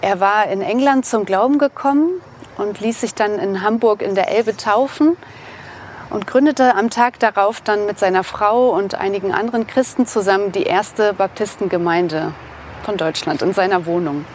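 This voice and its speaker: Calm woman presenting outdoors on lapel mic. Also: mid-range voice, moderate pace, a little hiss or hum. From eastern Germany. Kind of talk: scripted explainer to camera. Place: outdoors in a sunny park.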